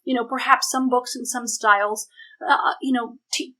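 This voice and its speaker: Her voice runs high, bright, and a bit pushed, yet holds a steady tone at a moderate pace. She's a woman researcher presenting on an academic panel and taking questions, emphatic and reasoning aloud as she goes.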